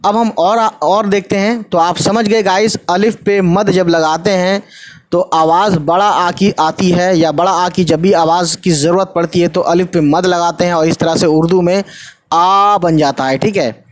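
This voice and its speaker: एक पुरुष उर्दू शिक्षक, आराम से समझाते हुए पाठ पढ़ाता है और बार-बार "ठीक है" कहता है, बीच-बीच में अंग्रेज़ी शब्द मिलाता है।. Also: male voice, high voice, steady tone, normal speed. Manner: repeats "ठीक है" often, mixes English words. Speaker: Urdu teacher. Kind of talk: casual explanatory lesson.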